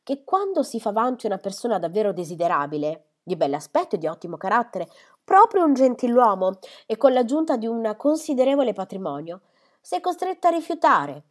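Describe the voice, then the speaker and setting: A woman's voice: fairly high pitch, very animated, brisk, voice pushed up. A woman reading a novel aloud, voicing a fretful, self-pitying middle-aged mother who scolds her daughter. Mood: reproachful. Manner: complaining, reproachful.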